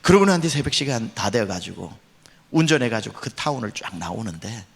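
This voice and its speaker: A man's voice: fairly low pitch, very animated, brisk, vocal fry, husky, long reverb tail. A male senior pastor delivering a revival sermon, telling a story dramatically and acting out the voices he quotes. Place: church revival meeting.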